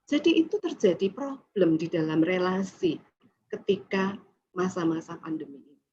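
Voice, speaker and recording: A woman giving a lively talk to parents, turning to the audience often and acting out family scenes. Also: on the low side, moderate pace. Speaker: parenting seminar speaker. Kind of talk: presentation to parents. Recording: dull lo-fi recording with faint noise.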